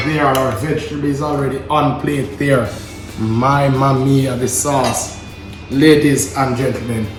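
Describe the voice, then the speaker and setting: A man with a Jamaican accent hosting a casual cooking demonstration in an exclamatory, savouring way, often repeating words for emphasis. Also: mid-range voice. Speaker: cooking show host. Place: indoor kitchen. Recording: echoey room, music behind.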